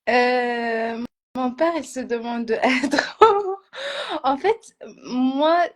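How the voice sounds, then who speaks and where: Hesitant high-voiced woman. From Morocco by family, raised in Italy. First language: Italian or Arabic. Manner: hesitant, halting, with restarts. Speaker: coaching participant. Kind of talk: personal conversation.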